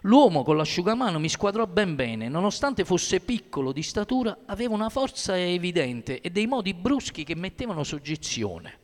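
Man, storytelling reading, high voice, measured and steady, long hall reverb. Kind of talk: first-person storytelling reading.

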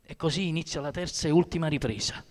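A man reads a first-person story aloud, measured and steady. His voice sits high for a man. The recording carries a long reverb, as in a large hall.

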